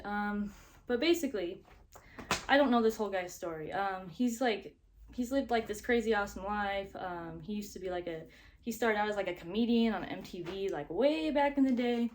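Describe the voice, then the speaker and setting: A woman's voice: mid-range voice, moderate pace, a little mellow. A woman vlogging casually to camera, upbeat and chatty, with lots of fillers and a slightly breathless sounding voice.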